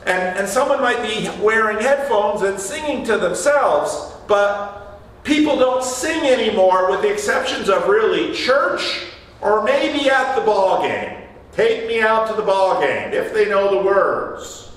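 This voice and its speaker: A male pastor with a fairly high, fairly bright voice gives an animated, unhurried sermon in a church sanctuary, speaking conversationally with the congregation and pausing to ask them questions. The mic is far away, so his voice rings through a very echoey hall with faint room noise behind it.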